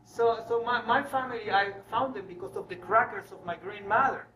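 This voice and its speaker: A Venezuelan man with a high, bright voice gives a brisk spiritual talk to an audience, drawing on personal stories. He's animated and acts out dialogue as he tells them. The recording is roomy, with a distant mic and faint background noise.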